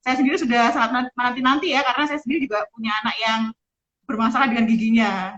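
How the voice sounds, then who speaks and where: A woman's voice: on the high side, steady tone, fast, a bit bright, muffled recording. A woman hosting a live-stream interview in a chatty, polite way, speaking through a face mask that slightly muffles her. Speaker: host, doctor. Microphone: speaking through a face mask on a live video call.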